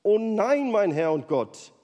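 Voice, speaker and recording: A man's voice: high voice, very animated, takes it slowly, warm tone, full character voice. A man voicing a timid, unsure young man. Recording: long hall reverb.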